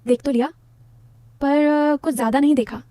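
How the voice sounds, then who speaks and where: A woman voicing a 28-year-old son-in-law in a Hindi audio story, in a soft, respectful way. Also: very high-pitched, steady tone, moderate pace, no room sound, voice pushed up. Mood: teasing. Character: affectionate young son-in-law, 28.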